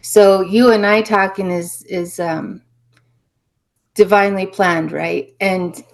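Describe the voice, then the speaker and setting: A woman from New Mexico, a spiritual healer guest, telling her story in an earnest, reflective way that often trails off softly. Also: mid-range voice, steady tone, takes it slowly, gravelly. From New Mexico, USA. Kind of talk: casual interview storytelling.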